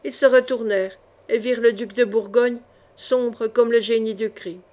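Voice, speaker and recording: Casting note: woman narrator with a fairly high voice, measured and expressive, reading a cloak-and-dagger novel. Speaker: audiobook reader. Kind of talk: scripted narration of a swashbuckling novel.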